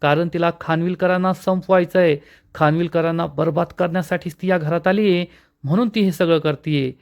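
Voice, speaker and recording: A man's voice: fairly high pitch, fairly even intonation, fairly quick, gravelly. A man voicing an angry middle-aged aunt who scolds harshly and accuses. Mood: angry, accusing.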